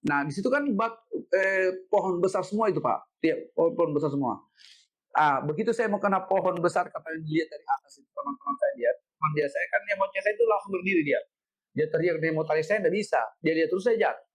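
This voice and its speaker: A middle-aged man, a guest telling a story in an interview, animated, repeating himself and ending lines with "Pak". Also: high-pitched, quick pace, husky. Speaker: head of city education office, guest.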